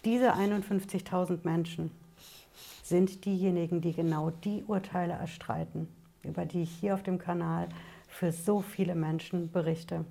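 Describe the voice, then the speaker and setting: A woman's voice: lowish voice, steady tone, moderate pace, creaky, dark tone. A woman, a tax lawyer, explaining things to her viewers in an emphatic way and raising rhetorical questions. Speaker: tax lawyer, channel host. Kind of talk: explanatory talk to camera.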